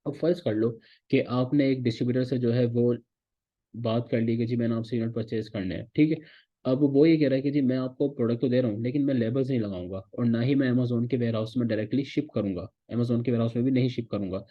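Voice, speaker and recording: A man teaches a recorded online course at a brisk, rapid clip, walking through each step and checking in constantly. His voice sits at an ordinary pitch for a man. The recording is dull and lo-fi. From Pakistan. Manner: repeats "theek hai" as a check-in, explains step by step. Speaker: course instructor.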